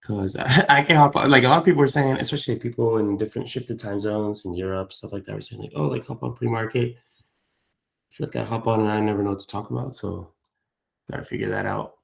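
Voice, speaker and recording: A man's voice: lowish voice, fairly quick, gravelly. A man hosting a live trading stream, chatting loosely with viewers and friends, full of fillers and slang. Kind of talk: casual livestream chat.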